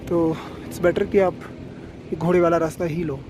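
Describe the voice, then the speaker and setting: On a mountain trail, a travel vlogger with a fever narrates casually, tired from the climb and offering viewers friendly advice. His voice is on the high side, flat, and a little slow, with music playing behind him.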